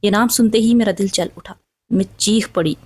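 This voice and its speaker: A woman's voice: mid-range voice, a little mellow. A woman telling an emotional first-person story in a dramatic, sorrowful way. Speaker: narrator.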